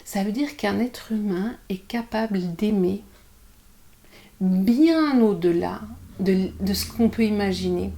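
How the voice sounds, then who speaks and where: A middle-aged woman, a guest author telling her story in a candid podcast conversation, animated and self-mocking. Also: mid-range voice, takes it slowly, a little hiss or hum. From Belgium.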